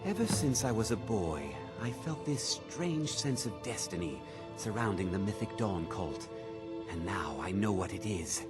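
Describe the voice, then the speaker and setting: An actor playing an eager, obsessive collector and cult devotee in a fantasy video game, with a theatrical, fervent delivery. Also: male voice, lowish voice, animated, unhurried. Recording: loud music behind the voice.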